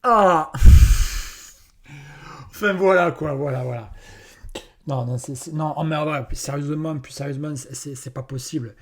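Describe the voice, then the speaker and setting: A man's voice: on the high side, moderate pace, long pauses, a bit bright. A man rambles through a solo comedy podcast, loose and off the cuff. He swears freely and keeps stumbling over fillers and restarts. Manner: rambling, profane, many fillers. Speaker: podcast host. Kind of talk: casual comedic podcast monologue.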